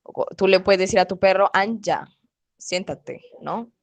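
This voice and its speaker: A woman's voice: mid-range voice, fairly even intonation, moderate pace, rough recording. A woman teaching an online Korean class, patiently checking in with "¿ok?" and "¿cierto?". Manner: patient, repeats "¿ok?" and "¿cierto?" often.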